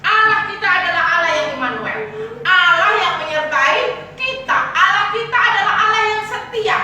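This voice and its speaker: Woman preacher, high bright voice, teasing sermon, echoey hall from far off. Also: normal speed, heavy background noise. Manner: lively, teasing, calls to the congregation.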